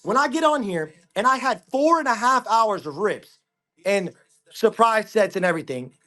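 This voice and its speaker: Profane, high-voiced male livestream seller. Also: animated, normal speed, sharp tone. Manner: profane, aggressive ranting. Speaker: live-stream card seller. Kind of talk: angry livestream rant.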